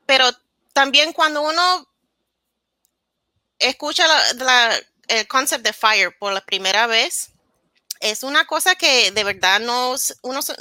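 A thirty-something interview guest from New Jersey tells her story frankly in a relaxed interview, slipping English words in mid-sentence. Her fairly high voice sounds pushed and bright, captured in a dry recording.

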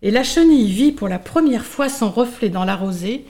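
Lively woman reading a children's story. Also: a little high, moderate pace. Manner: lively, animated reading with hosting asides. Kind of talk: expressive children's story narration.

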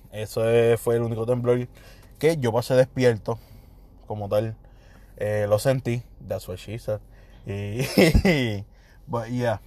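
A young man with a Puerto Rican accent spins his stories in a loose, animated way, sprinkling English slang and acting out every quote. His voice sits at an ordinary middle pitch. The sound is dry and close, with no room echo. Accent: Puerto Rican Spanish. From Puerto Rico. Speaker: vlogger telling personal stories. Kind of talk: casual storytelling monologue.

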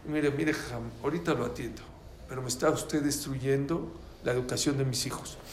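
A man's voice: mid-range voice, fairly quick, very noisy, natural voice. A man voicing a flustered wealthy older man in a told story, who stammers out fussing questions. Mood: stern. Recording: roomy room, faint ambience.

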